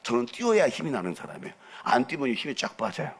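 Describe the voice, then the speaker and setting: A middle-aged man preaching a lively, theatrical sermon to young people as a pastor. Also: mid-range voice, quick pace, breathy edge. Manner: animated, theatrical, acts out quotes and jumps around.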